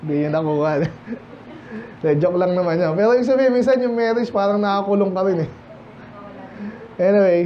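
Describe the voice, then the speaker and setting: A man's voice: sits high, a little fast, pauses often, highs cut off. A man with a Filipino accent preaching a casual, joking midweek Bible study sermon to his congregation. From Philippines. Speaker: pastor. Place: church.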